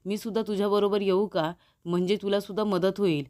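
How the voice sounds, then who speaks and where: A woman's voice: mid-range voice, fairly even intonation, a little fast, a little mellow, close to an everyday voice. A woman voicing an impulsive, bossy young woman accomplice in a serial recap, urgent.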